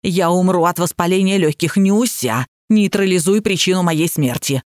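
A woman's voice: fairly low pitch, moderate pace, a little mellow, no echo, clean studio sound, natural voice. A woman voicing a quarrelsome elderly grandmother who complains of the cold, in a querulous, grumbling way. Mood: grumpy. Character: cranky old woman, shrill and bossy, always cold.

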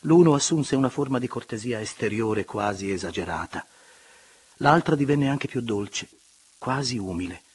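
A man reading a classic novel aloud as an audiobook narrator, measured and expressive, sometimes sinking to hushed tones. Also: mid-range voice, slightly rough.

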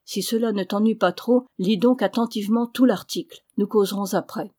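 A woman reading the lines of a seriously ill elderly father who speaks with earnest, measured reasoning. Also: mid-range voice, dark tone, lightly acted. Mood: grave. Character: ailing elderly father, grave and lucid.

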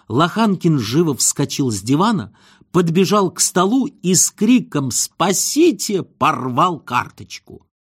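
A man narrating a comic audiobook with expressive, wry storytelling. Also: medium pitch.

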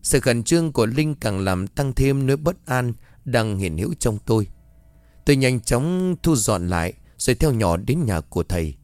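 Man narrating a slow, suspenseful horror story. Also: mid-range voice, sing-song, darkish tone, no room sound.

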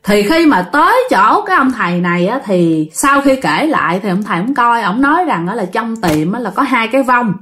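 A woman's voice: on the high side, lively intonation, normal speed, hardly any pauses, fairly bright tone. Chatty woman telling a ghost story. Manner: chatty, addresses listeners directly. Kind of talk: casual ghost story narration.

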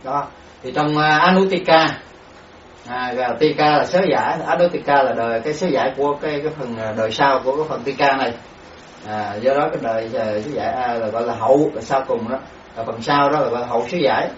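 A man, a Buddhist monk, giving a dharma lecture on Abhidhamma, speaking haltingly with many repeated words and sounding out syllables. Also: mid-range voice, slight background noise. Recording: echoey room, distant mic, dull sound.

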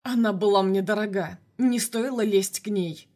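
A woman voicing a young male mage who speaks calmly and icily, slow and controlled. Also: medium pitch, close to an everyday voice. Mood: vengeful. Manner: calm, icy, slow. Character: young male mage hero, cold, vengeful.

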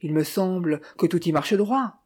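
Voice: mid-range voice, normal speed, a little mellow, breathy edge, lightly acted. A reader doing an impatient young heir.

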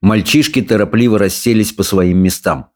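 A man narrating a children's storybook in a measured, storytelling way. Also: on the low side, fairly even intonation, a little mellow. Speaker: audiobook narrator. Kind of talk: scripted narration.

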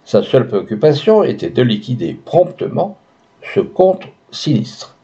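Man narrator, mellow tone, measured audiobook reading, dull lo-fi sound. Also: medium pitch, very animated, vocal fry. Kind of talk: scripted narration. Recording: dull lo-fi recording.

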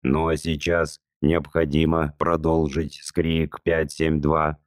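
A man reading an audiobook, voicing a cold, relentless machine tester with a flat, metallic, mechanical voice and a slow, monotone delivery. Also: rumbling low, no echo, clean studio sound, voice pushed down.

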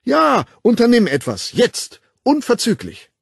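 A man's voice: fairly high pitch, wildly swooping pitch, normal speed, darkish tone, husky, dry recording, voice pushed up, heavily acted. A man reading an audiobook, voicing a bossy young woman who lectures her friend in an emphatic, pushy way. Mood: insistent. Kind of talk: audiobook character voice.

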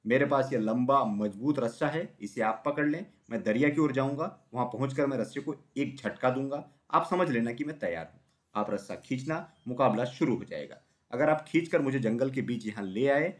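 A man's voice: mid-range voice, expressive, moderate pace, natural voice. A man voicing a small, clever male rabbit in a children's story, speaking politely and respectfully.

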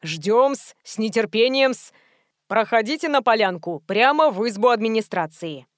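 A woman's voice: a little high, animated, measured pace, no room sound, studio quality. A woman reading an audiobook, voicing an overly polite, flustered male estate manager with an old-fashioned, obsequious courtesy. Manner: flustered, bleating when pressed.

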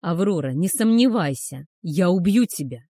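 A woman voicing a cruel, arrogant male werewolf hunter, who speaks with loud, growling menace. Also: fairly low pitch, expressive, slow pace, no echo, clean studio sound. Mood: menacing.

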